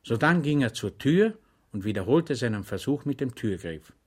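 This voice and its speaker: A man narrates an audiobook at a measured pace. His voice sits at a medium pitch, and he tells the story in an even, steady way. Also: slightly rough. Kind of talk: audiobook reading.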